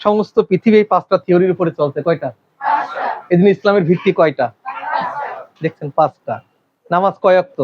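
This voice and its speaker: A male teacher giving a classroom lecture, constantly quizzing his students with quick questions. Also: sits high, narrow, tinny audio, background noise.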